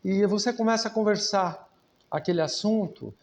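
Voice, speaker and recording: Brazilian male lecturer, high-pitched, earnest, anecdotal spiritist talk. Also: moderate pace. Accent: Brazilian Portuguese. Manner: earnest, conversational, with personal anecdotes. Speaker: speaker at a spiritist public meeting.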